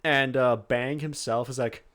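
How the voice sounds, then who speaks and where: A man's voice: mid-range voice, steady tone, measured pace, a bit bright. A man narrating a tabletop game casually as game master, hesitantly searching for his words.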